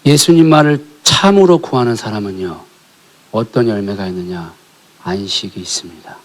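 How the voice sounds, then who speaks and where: A male pastor preaching a sermon in a church, telling a family story and asking the congregation questions, rising to emphatic calls and dropping to hushed near-whispers. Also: lowish voice, expressive, moderate pace. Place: church sanctuary.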